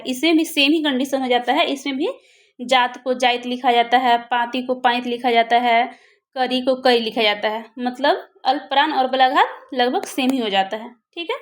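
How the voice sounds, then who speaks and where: A woman teaching a grammar lesson for exam preparation, who asks questions and answers them herself. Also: high voice.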